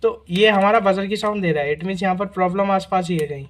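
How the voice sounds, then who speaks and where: A high-pitched man talks quickly over a faint hiss or hum as he hosts a casual, hands-on repair tutorial. He goes through each test step by step, often checking in with "guys" and "theek hai na."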